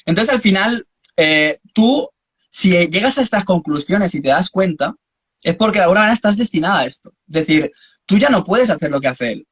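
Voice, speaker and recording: A man's voice: high voice, animated, fairly quick, a bit bright, breathy edge, dry recording. Musing man with a dry sound. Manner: philosophical, musing, speaks in long spiritual reflections. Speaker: host. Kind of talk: reflective conversation.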